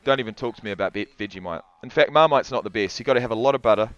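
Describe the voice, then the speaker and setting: A man's voice: on the low side, racing, highs cut off. A man with a New Zealand accent casually commentating a football livestream and reading out chat, rambling and restarting often.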